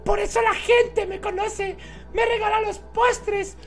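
A man's voice: extremely high pitch, little pitch movement, slow, faint music behind, pitched above the performer's own voice, full character voice. A man voicing a bubbly, naive young girl in a giddy, sing-song squeal.

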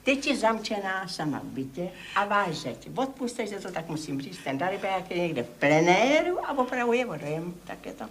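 An actress playing a fussy, bossy older woman neighbor in a 1980s TV comedy, dramatic and hushing. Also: medium pitch, very animated, hardly any pauses, slight background noise, close to an everyday voice. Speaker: nosy neighbor.

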